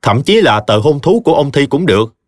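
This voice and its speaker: A man's voice: medium pitch, sing-song, normal speed, no room sound, clean studio sound, lightly acted. A man doing a stern scornful village chief. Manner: commanding and contemptuous.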